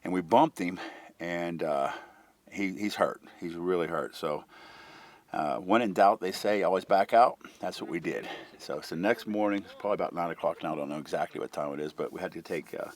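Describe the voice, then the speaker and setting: A man hosting a bowhunting show, talking excitedly and rambling outdoors in the brush. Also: deep voice, a little fast. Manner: excited, rambling, restarts mid-sentence. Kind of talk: casual hunting vlog narration. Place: outdoors in brushy elk country.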